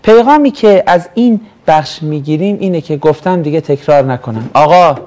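Fairly high in pitch, expressive, and darkish in tone, this male voice belongs to a religious studies teacher from Mashhad, Iran. He talks through Quran verses with his class, joking around and asking students plenty of questions.

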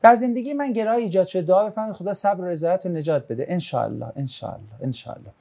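In a laid-back religion class, the teacher reads out students' questions and answers them with humor. The medium-pitched voice takes on a storytelling manner when retelling a religious tradition.

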